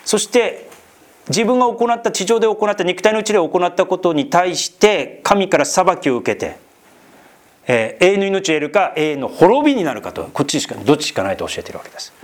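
A pastor's high-sitting voice moves briskly through an expository Bible sermon. He keeps it lively, rising and falling, and peppers the talk with questions and asides aimed at his listeners.

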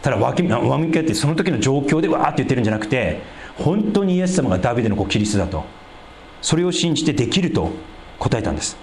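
Animated man preaching in an echoey room. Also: very fast, slight background noise. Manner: explains scripture in a conversational way, dropping into a lower voice for asides. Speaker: pastor. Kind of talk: sermon, Bible exposition.

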